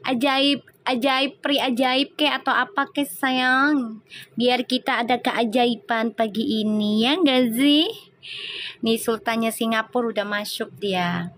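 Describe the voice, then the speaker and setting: A woman's voice: on the high side, fairly even intonation, measured pace, a bit bright. A woman chatting casually on a tarot live stream, reading out viewer comments and laughing often. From Indonesia.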